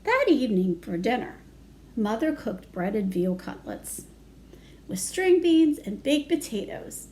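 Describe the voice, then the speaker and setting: High-pitched woman reading to young children. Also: big pitch swings, takes it slowly, warm tone, a little hiss or hum. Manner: singsong, addressing young children. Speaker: storytime reader and educator. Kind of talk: children's read-aloud with simple asides.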